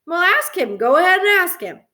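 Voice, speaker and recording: Lady playing a worked-up young schoolboy, loud and whiny, swoopy high voice, storybook reading. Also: sing-song, normal speed. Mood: insistent. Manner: pleading then yelling, worked up. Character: upset schoolboy, big brother, about nine.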